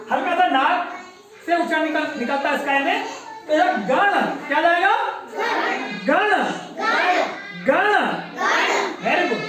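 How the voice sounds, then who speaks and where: A woman teaching young children, patiently repeating words and quizzing them. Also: very high voice. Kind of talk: classroom lesson. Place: large echoey classroom. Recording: echoey classroom from far off.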